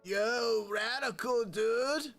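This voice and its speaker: A man voicing a laid-back young male surfer dude in a video game, with drawn-out excited exclamations. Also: extremely high pitch, soft background music, voice pushed up, heavily acted. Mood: stoked.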